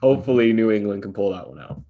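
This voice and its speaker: Casting note: male co-host, lowish voice, loose rambling football chat. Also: animated, fast, narrow, tinny audio. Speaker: podcast co-host. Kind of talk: casual sports talk.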